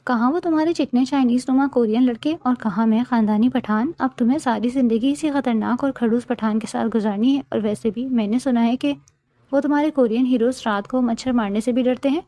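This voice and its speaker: A woman's voice: on the high side, warm tone, dry recording, close to an everyday voice. Woman doing a teasing possessive husband. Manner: intense, then playfully teasing.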